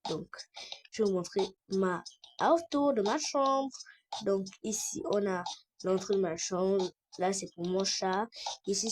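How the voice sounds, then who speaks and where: A woman playing a young woman filming a home vlog in secret, in an amateur web drama, with a halting delivery full of restarts. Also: mid-range voice, darkish tone, a little hiss or hum, natural voice. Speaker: vlogger.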